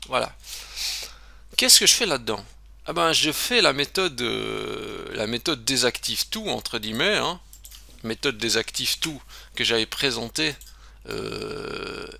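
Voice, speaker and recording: A man's voice: medium pitch, gravelly, bright, forceful tone, no echo. A man giving a casual screen-recorded web tutorial, chatty and self-interrupting, with lots of fillers.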